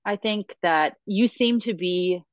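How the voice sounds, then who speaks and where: A woman's voice: mid-range voice, slow pace, no room sound. A woman podcast host asking questions in a casual interview, hedging her words with lots of fillers. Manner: searching, hedging phrasing with many fillers. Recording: dull, dry lo-fi audio.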